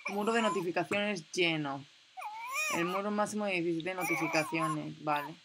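A young woman, chatting excitedly and reading game options aloud as she plays. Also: lowish voice, moderate pace, very noisy. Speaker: gameplay commentator. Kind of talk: casual let's-play commentary.

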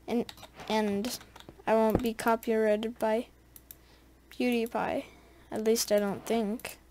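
Female gamer, slightly high voice, unhurried rambling chat to viewers, faint keyboard clicks behind. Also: little pitch movement, dark tone, slight background noise. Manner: rambling, chatty, talks straight to viewers. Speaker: gaming video creator. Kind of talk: casual gameplay commentary.

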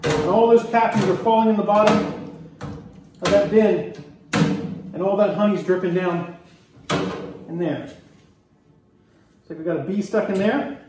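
Middle-aged man, fairly high voice, relaxed how-to demo; echoey workroom, mic a few feet off. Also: far from the mic, noisy background. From Maryland, US. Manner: relaxed, explanatory, pauses while working. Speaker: beekeeper demonstrating honey harvest. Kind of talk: hands-on how-to demonstration. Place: indoor workroom, hard surfaces. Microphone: camera mic from a few feet away.

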